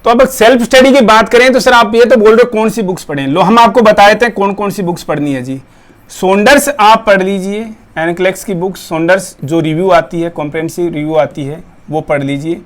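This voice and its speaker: A man, a nursing exam coach, giving a forceful, persuasive talk to his students and asking them pointed questions. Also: sits high, a little fast. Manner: forceful, rhetorical, addresses viewers directly.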